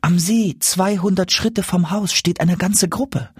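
A man doing a pleading high little dwarf. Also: measured pace, a little mellow, husky, dry recording, studio quality, full character voice. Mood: relieved. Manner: pleading, trembling. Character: frightened little dwarf cook, male.

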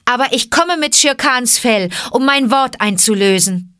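A woman's voice: lowish voice, unhurried, dry recording, studio quality, natural voice. A woman reading aloud, voicing a proud, defiant boy raised by wolves, speaking with heat. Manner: heated, defiant.

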